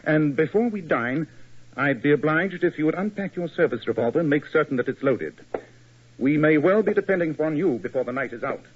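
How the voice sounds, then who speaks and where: An actor playing Sherlock Holmes in a 1940s radio drama, measured, polished and authoritative, on a lo-fi old broadcast. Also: male voice, on the high side, expressive, husky. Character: Sherlock Holmes, cool, precise detective.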